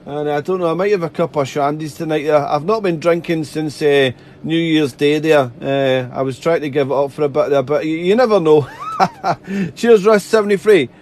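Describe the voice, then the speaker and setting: A man's voice: a little high, brisk, few pauses, darkish tone, a little hiss or hum. A man making amateur radio contacts, chatty and polite, repeating himself and spelling out callsigns phonetically. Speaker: amateur radio operator, live streamer. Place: radio desk indoors.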